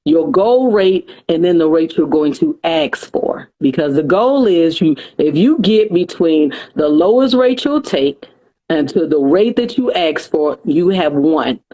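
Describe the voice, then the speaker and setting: Woman, lowish voice, animated podcast guest talking shop. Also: measured pace. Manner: animated, acts out broker calls. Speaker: dispatcher guest. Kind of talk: podcast interview chat.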